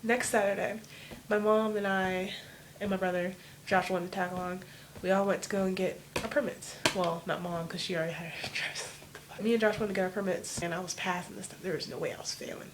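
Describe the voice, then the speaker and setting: A woman's voice: mid-range voice, steady tone, fairly quick, slight background noise. A teenage girl telling a personal story to camera at home, rambling casually and leaning on "like" as filler. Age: teens. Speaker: vlogger. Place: home room.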